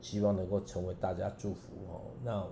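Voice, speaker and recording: A man tells his story as a preaching guest on a radio show. His voice is low and very dark and mellow, carried by a roomy echo. He talks in an earnest, halting way, often restarting his phrases. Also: little pitch movement, creaky, a little hiss or hum. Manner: halting and earnest, many restarts, emphatic rises. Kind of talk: personal testimony in a radio interview.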